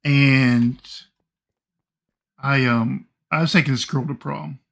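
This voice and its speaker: Gravelly, bright-voiced middle-aged man rambling. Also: mid-range voice, fairly even intonation. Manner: rambling, halting, full of fillers and swearing. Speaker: streamer. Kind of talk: casual storytelling while gaming.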